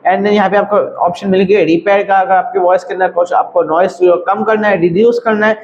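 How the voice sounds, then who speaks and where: A man's voice: high voice, level tone, a little fast, lo-fi sound, a little hiss or hum. A man teaching audio editing in a casual screen-recorded tutorial, chatty and repetitive. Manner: chatty, repeats "thik hai" and "bhai".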